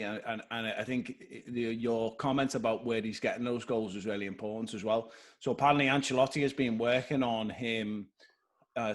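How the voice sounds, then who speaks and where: A man talks football on a podcast in a mid-range voice that sits right in the middle of the usual range for men. His delivery is analytical and unhurried as he walks through tactics in easygoing chat. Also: medium pitch. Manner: analytical, explains tactics at length. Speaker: podcast co-host.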